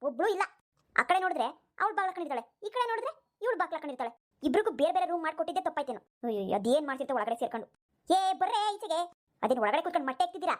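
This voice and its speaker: Woman putting on a nagging old mother-in-law, very high squeaky voice, quick cartoon grumbling. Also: animated. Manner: nagging, complaining loudly. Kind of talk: cartoon voice acting.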